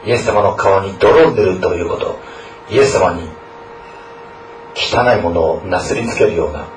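Here a man speaks at normal speed in a low voice, with slight background noise. As a school chaplain, he offers prayer, scripture reading and a sermon to students, earnest in tone and often adding a questioning tag. The mic is distant and the room echoes.

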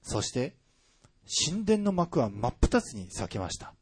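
Man, pastor preaching a sermon, husky voice, animated pitch, emphatic with conversational asides. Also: measured pace. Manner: expressive preaching, frequent "ne" asides and rising emphasis.

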